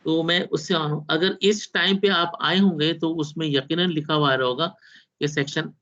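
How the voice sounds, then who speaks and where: A man's voice: fairly high pitch, fairly even intonation, rapid-fire, a bit bright. A man teaching an online university class over a video call, explaining step by step and mixing in English technical terms. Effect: heard over a video call. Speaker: university lecturer. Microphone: laptop on video call. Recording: dull video call audio.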